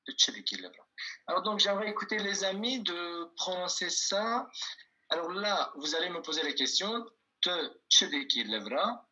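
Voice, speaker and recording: A man teaching an online language lesson, patiently repeating words slowly and checking that his students follow. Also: sits high, animated, sharp tone. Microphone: video call. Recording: dull lo-fi video call audio.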